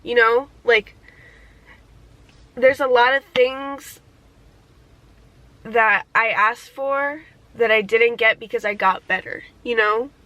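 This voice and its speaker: Young woman, casual vlog, bright voice, slightly high, candid, swears freely, reflective. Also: slow pace, long pauses, dull audio, slight background noise. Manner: reflective, gets teary. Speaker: vlogger. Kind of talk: casual year-in-review vlog.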